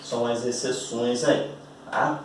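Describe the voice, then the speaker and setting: A man's voice: mid-range voice, steady tone, slow pace, slight background noise. A man teaching a classroom grammar lesson, chatty, checking in with his students and stretching out key words as he explains at a board. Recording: roomy, distant echoey classroom audio.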